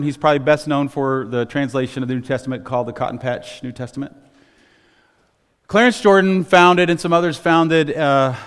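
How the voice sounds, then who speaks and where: A man preaching a sermon in a church sanctuary, telling stories and swelling to loud, emphatic phrases. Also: mid-range voice. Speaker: pastor. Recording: long church reverb.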